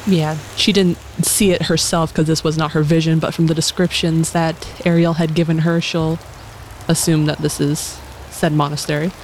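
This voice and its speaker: A woman's voice: sits low, flat delivery, moderate pace, poor audio. A woman playing a tabletop game, casually describing what her character does. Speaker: player. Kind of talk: casual tabletop role-play chat. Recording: faint rain noise behind.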